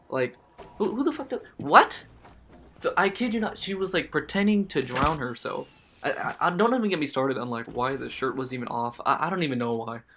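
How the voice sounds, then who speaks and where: A man's voice: mid-range voice, a bit bright. Young man telling a stammering story. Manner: stammering restarts, slangy, emphatic. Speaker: vlogger. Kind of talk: casual storytime.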